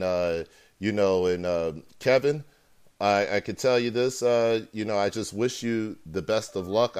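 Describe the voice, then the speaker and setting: A man's voice: on the low side, clear, resonant tone. A man hosting a live talk show, speaking hesitantly with many ums and uhs. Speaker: host.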